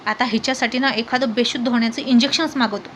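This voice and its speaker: A woman voicing an exasperated young husband who pleads and explains slowly in a storybook reading. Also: on the high side, steady tone, a bit bright, slight background noise, natural voice. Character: exasperated young husband coaxing his wife. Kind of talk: storybook narration.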